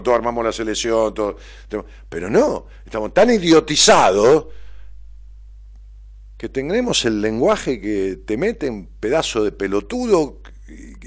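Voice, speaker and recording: A man with a Rioplatense Argentine accent, a therapist talking bluntly and profanely as he reads out messages and tells stories. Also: mid-range voice. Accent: Rioplatense Spanish. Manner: blunt, profane, animated storytelling. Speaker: psychotherapist and host reading viewer messages. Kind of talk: casual live-stream talk.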